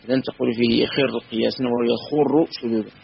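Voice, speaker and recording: A man teaching a classical grammar lesson, measured and patient, repeating and spelling out word forms slowly. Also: mid-range voice, steady tone, creaky, slightly rough, soft background music. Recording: dull lo-fi recording with faint hum.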